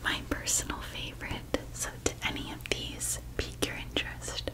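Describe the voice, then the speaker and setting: A woman doing a whispered role-play as a gentle fairy designer attending to a customer, in a soft breathy voice. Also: moderate pace, rough recording. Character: gentle female fairy designer showing customer clothes and crowns.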